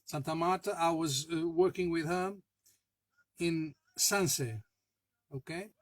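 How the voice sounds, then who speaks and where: A man who is a spiritual worker, telling a personal story in a halting way, with many fillers and restarts, laughing at himself and swearing now and then. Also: a little high, no echo, poor audio. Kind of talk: casual spoken anecdote.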